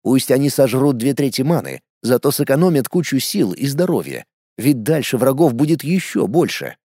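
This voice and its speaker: Lively male audiobook narrator, mellow tone. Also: mid-range voice, normal speed, breathy edge, no echo, clean studio sound. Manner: lively storytelling with shouted character lines. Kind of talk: first-person audiobook narration.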